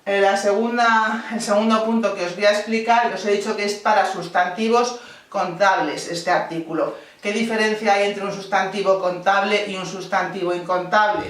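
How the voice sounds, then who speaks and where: A woman's voice: medium pitch, fairly even intonation, moderate pace. A woman teaching a grammar lesson, explaining patiently step by step and correcting herself as she goes. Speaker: English teacher. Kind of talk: classroom-style grammar lesson. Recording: very echoey room, voice from a distance off the mic.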